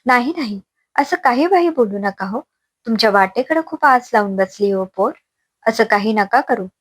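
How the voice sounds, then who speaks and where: Brief: woman narrator doing proud village father in a family drama, pleading turning to thunder, raised pitch. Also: lively intonation, normal speed, no echo. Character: angry middle-aged village father, wounded pride.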